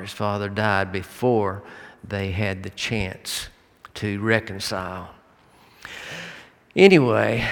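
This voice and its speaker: A preacher retelling a film story in a sermon, halting with fillers and restarts. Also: male voice, lowish voice, creaky, a bit bright, long reverb tail.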